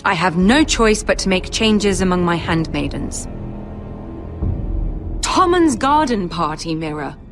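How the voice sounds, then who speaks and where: Poised, slow-spoken young noble lady. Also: lowish voice, animated, faint music behind. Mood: regretful, disappointed. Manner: formal, measured, imperious. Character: poised, commanding young noble lady, betrothed future queen. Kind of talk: dramatic video game acting.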